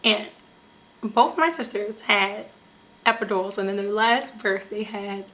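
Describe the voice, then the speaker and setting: A woman's voice: medium pitch, a little slow, a bit bright, low-quality recording. A young woman vlogger telling a personal story to her viewers in a candid, chatty way, with lots of fillers. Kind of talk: casual storytelling to camera.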